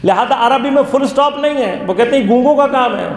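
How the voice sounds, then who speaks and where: High-voiced man lecturing in an echoey hall. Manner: asks the class questions and answers them himself. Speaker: religious teacher. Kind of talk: interactive lecture. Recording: echoey hall with long reverb.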